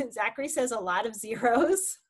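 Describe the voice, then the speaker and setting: A woman's voice: on the high side, animated, normal speed. A woman moderating an online science session, upbeat and chatty as she reads out audience answers. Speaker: moderator of a teen science café. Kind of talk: casual moderating on a video call. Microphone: video call.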